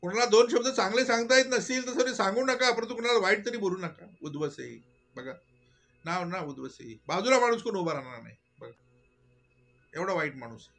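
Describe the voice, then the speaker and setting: A man giving a devotional discourse, full of rhetorical questions and swinging between soft murmurs and loud exclamations. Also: high voice, lively intonation, fairly quick, vocal fry. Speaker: spiritual teacher.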